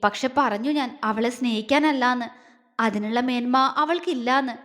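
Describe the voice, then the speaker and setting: A woman's voice: a little high, normal speed, a bit bright, natural voice. A woman voicing a tender young man in love. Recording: long reverb.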